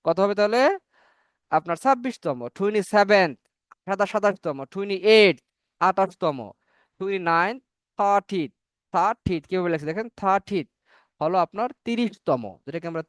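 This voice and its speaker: A man teaching a spoken English class, repeating each number slowly so learners can say it after him. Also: high-pitched, smooth, dry recording.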